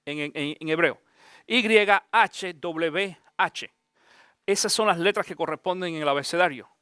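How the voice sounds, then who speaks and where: A man, a pastor, giving an animated Bible teaching, often asking his listeners direct questions. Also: on the high side, unhurried, clear, resonant tone, no room sound, clean studio sound.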